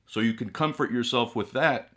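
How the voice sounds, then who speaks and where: A middle-aged man playing a ghoulish horror host, speaking in a drolly morbid, theatrical, drawn-out manner. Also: mid-range voice, pushed and bright. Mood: droll. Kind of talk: comic horror-host monologue to viewers. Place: small indoor room with collectible shelves.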